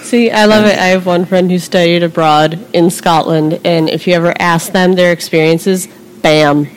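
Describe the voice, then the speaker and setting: A woman's voice: fairly low pitch, fairly even intonation, moderate pace, slight background noise, rough recording. A woman hosting a casual chat, playful and enthusiastic, laughing easily. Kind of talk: casual conversation.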